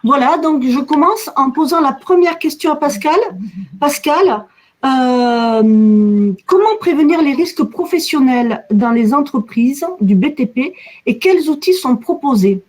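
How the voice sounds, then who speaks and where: A woman with a southern French accent from the Midi-Pyrénées introduces and moderates a webinar, speaking in a measured way with frequent fillers. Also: high voice, animated, darkish tone. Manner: measured, with frequent "alors" and "euh". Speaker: webinar moderator, communications officer.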